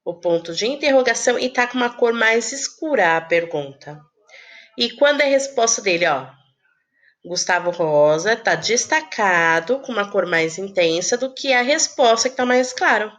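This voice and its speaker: A woman teaching a recorded lesson to young children, explaining slowly and posing questions she answers herself, with affectionate terms of address. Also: medium pitch, expressive, a bit bright. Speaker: primary school teacher.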